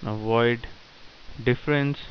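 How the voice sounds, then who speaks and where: A man teaching programming in a screen-recorded tutorial, dictating code in short halting phrases. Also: medium pitch, steady tone. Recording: dull lo-fi sound with faint hiss.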